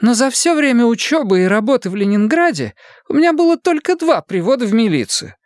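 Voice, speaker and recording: A man voicing a sick, sullen young woman who speaks hoarsely and mutters despondently. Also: very high-pitched, very animated, brisk, darkish tone, no room sound, clean studio sound, pitched above the performer's own voice. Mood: self-pitying. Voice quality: hoarse, sniffling.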